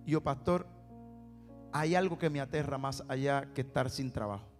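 A man's voice: mid-range voice, moderate pace. A man with a Puerto Rican accent preaching a sermon as a personal testimony, telling his story and acting out the dialogue. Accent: Puerto Rican Spanish. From Puerto Rico. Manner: storytelling, acts out dialogue, repeats words for emphasis. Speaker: preacher and singer. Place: church sanctuary. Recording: long hall reverb with faint music.

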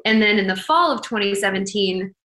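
A woman's voice: mid-range voice, animated, fairly quick, fairly bright tone. A woman being interviewed as a startup founder, speaking candidly and conversationally in jargon-heavy tech-founder talk. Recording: roomy, echoing sound.

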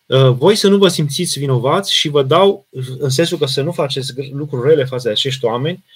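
A man from Romania, serving as a parish priest, answers questions from viewers in a live session. He speaks earnestly and with emphasis, in a voice pitched slightly high for a man, often breaking off and restarting his sentences. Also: slightly rough. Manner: reads out viewer questions and answers them plainly.

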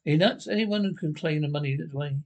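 A blustering cartoon caveman husband, stubborn and sure of himself, played by a man. He talks loud and gruff, with a voice pitched a little high for a man. His manner is boastful and short-tempered. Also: quick pace, highs cut off, close to an everyday voice. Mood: indignant. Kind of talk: cartoon voice acting.

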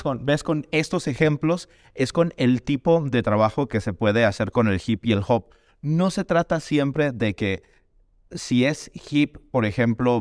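A man's voice: mid-range voice, dry recording, studio quality. A man teaching a Dalcroze music lesson, explaining exercises and chanting rhythm syllables to demonstrate.

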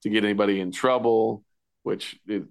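A man's voice: lowish voice, fairly even intonation, moderate pace, creaky, smooth. A man co-hosting a podcast, chatting casually about a TV episode, full of fillers, restarts and laughs. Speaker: podcast co-host. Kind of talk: casual TV recap chat.

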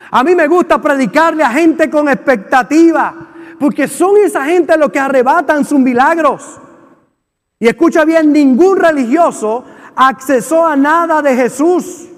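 A man in his fifties with a Puerto Rican accent, preaching a sermon with passion and rising to shouts. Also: very high voice, long reverb tail. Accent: Puerto Rican Spanish. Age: 50s. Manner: impassioned preaching, shouting at peaks. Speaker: pastor. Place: church sanctuary.

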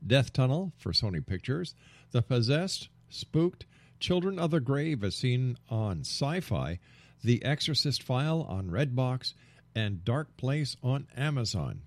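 A man's voice: mid-range voice, sing-song, a little slow, dry recording. A man hosting a radio show in a polished, emphatic announcer style. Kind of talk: polished broadcast introduction and interview. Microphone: close studio microphone.

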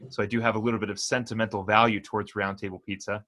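A man's voice: lowish voice, little pitch movement, racing, pushed and bright. A man in a casual podcast chat, hesitant and stumbling over his words.

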